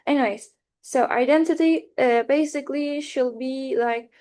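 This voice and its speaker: This student presenter, a young woman from Turkey, speaks at normal speed in a high-pitched, slightly mellow voice with a Turkish accent. Her class presentation is hesitant, packed with fillers, restarts and self-corrections.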